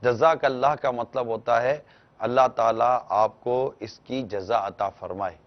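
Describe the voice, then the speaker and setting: A man answering a caller's question on a religious talk show, explaining gently and instructively and acting out small household exchanges. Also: medium pitch, steady tone, highs cut off. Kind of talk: televised religious advice talk.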